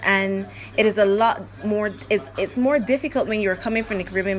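Chatty Barbadian woman hosting a podcast. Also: medium pitch. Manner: chatty and upbeat, with laughs and asides. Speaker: podcast host. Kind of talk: casual solo podcast monologue.

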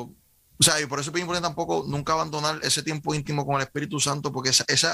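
A man's voice: medium pitch, vocal fry, sharp tone, no echo. A man with a Puerto Rican accent, a guest earnestly telling his faith story in casual conversation over a video call, often restarting his sentences. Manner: earnest, frequent self-corrections and restarts. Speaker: guest sharing testimony.

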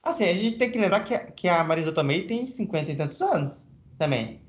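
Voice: medium pitch, expressive, a little fast, roomy sound, highs cut off. A speaker in a casual film chat who gives opinions and explains things at length.

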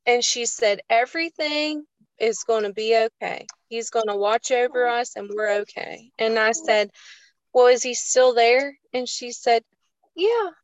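Speaking a little slowly in a fairly high voice, a faith show co-host tells a heartfelt personal story during a relaxed chat. The audio is dull and free of echo, and her delivery is earnest, emotional and homespun.

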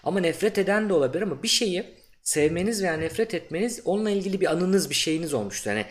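Young man, podcast host, slightly raised pitch, easygoing chatty delivery. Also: fast talker. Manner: relaxed, chatty, many fillers. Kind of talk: casual interview chat.

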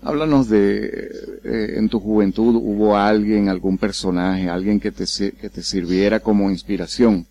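A man interviewing a guest in a relaxed conversational way, teasing her lightly and reassuring her. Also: on the low side, moderate pace, few pauses. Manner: steady questioning, teasing, reassuring.

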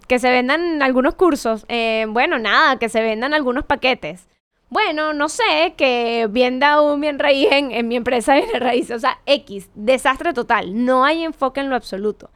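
Woman, motivational talk, smooth clear voice, fairly high, conversational, rhetorical questions. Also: fairly bright tone, no room sound. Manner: conversational, many rhetorical questions and self-corrections. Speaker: motivational speaker.

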